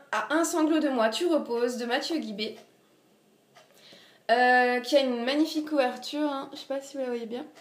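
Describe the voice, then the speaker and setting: A young woman with an Alsatian French accent, chatting casually through a book haul vlog with lots of fillers and self-mocking asides. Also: sits high. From Alsace, France. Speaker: book vlogger. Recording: echoey room.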